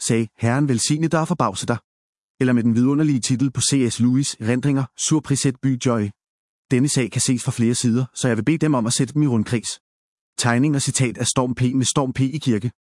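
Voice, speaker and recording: A man with a medium-pitched voice tells stories and quotes in a measured, gently wry way. He sounds like a pastor addressing a congregation. The recording is dry and close, with no room sound. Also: no echo. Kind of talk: reflective talk with read-out quotes.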